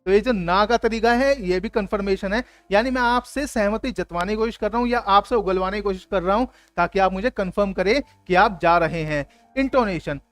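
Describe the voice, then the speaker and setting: A man with a high, bright voice teaches grammar in an emphatic, animated way, often acting out example phrases. The sound is dry and close, with faint music underneath. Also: dry recording. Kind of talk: classroom lesson for a video channel.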